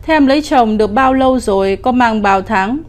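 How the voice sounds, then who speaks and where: A woman's voice: fairly high pitch, brisk, close to an everyday voice. A woman voicing a lecherous, cruel old male village official in a spoken ghost story, bullying and commanding. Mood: falsely sweet. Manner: bullying and commanding, falsely sweet when coaxing.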